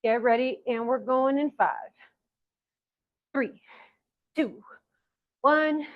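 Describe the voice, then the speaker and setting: A woman with a Southern accent leading a workout class as fitness coach, out of breath, counting down and pushing her class on with energetic encouragement. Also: high-pitched, slow pace, narrow, tinny audio. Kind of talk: live workout class cues.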